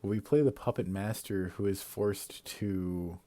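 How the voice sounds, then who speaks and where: A man's voice: low-pitched, fairly even intonation, a little slow, dark tone, dry recording. A young man live-streaming, giving casual, rambling commentary, swearing and correcting himself as he goes.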